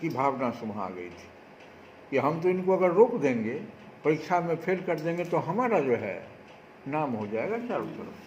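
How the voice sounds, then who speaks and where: Guy preaching a spiritual talk, bit high voice, asks the crowd questions, muffled recording with faint background noise. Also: moderate pace, reverberant. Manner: animated preaching with rhetorical questions. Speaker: spiritual speaker. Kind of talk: devotional discourse.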